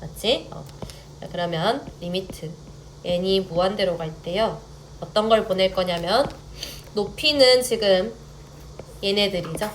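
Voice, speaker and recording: A young woman tutors math in an online lecture, speaking at medium pitch, unhurriedly, with frequent pauses and a faint hiss in the background. She explains patiently, often asks students to confirm, and mixes polite and casual speech.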